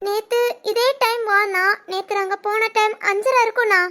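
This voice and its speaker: A woman voicing an anxious young college girl talking to her older brother in an animated drama, with a Tirunelveli Tamil accent. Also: very high voice, normal speed. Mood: pleading. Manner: fretful, pleading.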